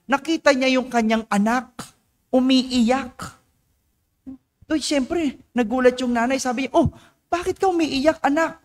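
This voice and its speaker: A man preaching a homily as parish priest, asking his congregation rhetorical questions and tagging his sentences with a questioning "no?". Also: very high voice. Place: church. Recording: long church reverb.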